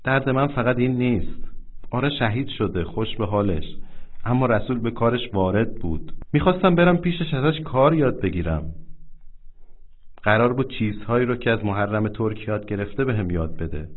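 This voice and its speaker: Grieving young man, read by a man, subdued, choking back tears, animated pitch, narrow lo-fi sound. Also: lightly acted. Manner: subdued, choked up. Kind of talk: audiobook reading. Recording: tinny phone-like sound.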